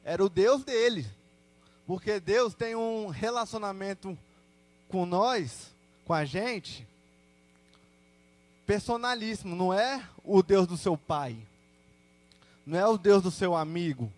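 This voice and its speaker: High-voiced young Brazilian man testifying. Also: takes it slowly, long pauses. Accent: Brazilian Portuguese. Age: young adult. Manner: casual, slangy storytelling with lively quoted asides. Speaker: church testimony speaker. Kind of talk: personal testimony to a congregation.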